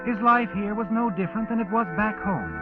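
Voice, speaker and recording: A man playing a mysterious, ominous storyteller in a 1940s radio mystery, theatrical, foreboding and measured. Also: high voice, natural voice. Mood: brooding. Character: mysterious, ominous male storyteller who walks by night. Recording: muffled old radio recording. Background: music.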